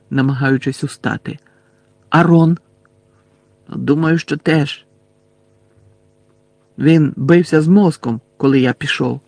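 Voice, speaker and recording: A man reading an audiobook with dramatic, steady storytelling. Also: a little high, no room sound. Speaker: audiobook narrator. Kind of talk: scripted narration.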